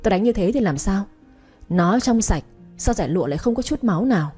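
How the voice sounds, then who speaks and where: A woman voicing a domineering middle-aged mother-in-law who scolds loudly in an audio story. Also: medium pitch, animated, a little fast, husky, faint music behind. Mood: scolding. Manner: scolding, loud.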